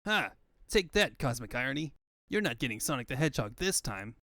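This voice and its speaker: A man's voice: mid-range voice, big pitch swings, brisk, sharp tone, no echo, voice pushed down. A young cartoon hedgehog hero, played by a man, cocky and easygoing. It is comic fandub acting with a dry, close sound.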